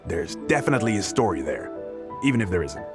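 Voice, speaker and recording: An actor playing a sleazy, bullying tabloid editor who mocks and threatens a young reporter, in game audio with music behind. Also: male voice, fairly low pitch, big pitch swings, quick pace. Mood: sneering. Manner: sneering, bullying, mocking. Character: sleazy scheming male tabloid editor, middle-aged. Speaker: game character. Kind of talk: video game voice acting.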